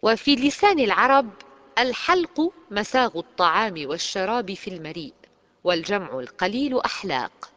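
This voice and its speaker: A teacher reads dictionary entries aloud in a careful, precise way. The pitch swings widely from phrase to phrase. A long reverb trails behind every word. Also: sing-song, normal speed, a bit bright. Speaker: Arabic language teacher. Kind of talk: scripted lexicon lesson.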